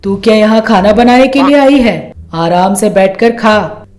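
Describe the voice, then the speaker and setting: A nagging, scheming mother-in-law from an animated storybook, put on by a female narrator. She scolds and coaxes in turns and never lets go of her point. Light music plays underneath. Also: mid-range voice, a little slow, close to an everyday voice. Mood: scolding.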